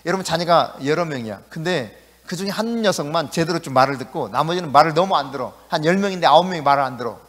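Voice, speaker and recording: Animated preacher in a ringing church. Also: male voice, on the high side, fast, few pauses. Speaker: pastor. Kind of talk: sermon. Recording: echoey church hall.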